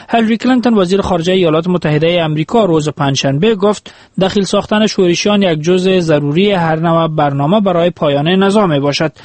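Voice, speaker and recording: A man reading a radio news bulletin in a crisp, formal way. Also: sits high, no echo. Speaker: newsreader.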